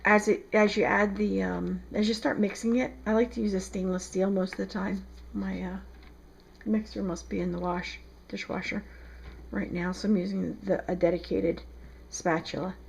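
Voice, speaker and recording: A woman's voice: medium pitch, flat delivery, normal speed, vocal fry, darkish tone, slightly rough. A woman with a South Jersey accent, chatting casually through a home tutorial as a soap maker in her kitchen, with frequent ums. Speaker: soap maker demonstrating a recipe. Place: home kitchen, second floor.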